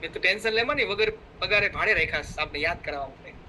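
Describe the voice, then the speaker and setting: Middle-aged guy giving a fired-up motivational talk, high bright voice, a bit of traffic hum behind. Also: racing, poor audio. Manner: fervent, exhorting, acts out quoted friends. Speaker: motivational speaker.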